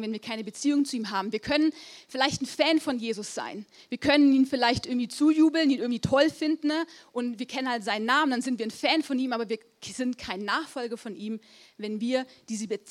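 Young female preacher, fairly high voice, earnest, emphatic, conversational sermon delivery. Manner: earnest, emphatic, casual speech with repeated "hey".

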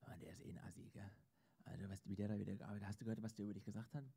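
A man voicing a whispering enemy who gossips and sneers in a low hushed voice. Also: level tone, rapid-fire, gravelly, breathy edge. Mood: sneering.

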